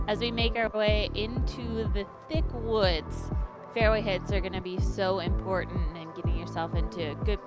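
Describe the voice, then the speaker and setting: A woman giving explanatory, analytical sports commentary. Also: medium pitch. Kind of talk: disc golf commentary.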